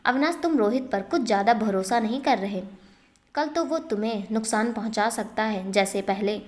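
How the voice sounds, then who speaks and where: A woman's voice: a little high, expressive, moderate pace, close to an everyday voice. A woman voicing a stern grandfather who worries about his family company, in a storybook reading. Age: older.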